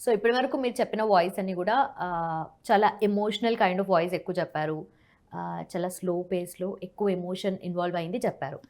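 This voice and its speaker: A woman's voice: fairly low pitch, brisk, a little mellow. Woman interview host mixing in English. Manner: mixes English into her questions, many short acknowledgements. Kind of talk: casual interview questions.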